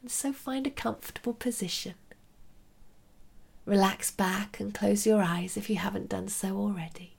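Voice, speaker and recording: Female meditation guide, intimate hushed delivery close to the ear, slow and calming, gravelly fry in the voice. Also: mid-range voice. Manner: slow, gentle, soothing.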